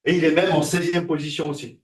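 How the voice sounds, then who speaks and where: A man's voice: a little high, steady tone, fast, echoey room. A man giving a classroom lecture, hesitant and full of fillers and restarts.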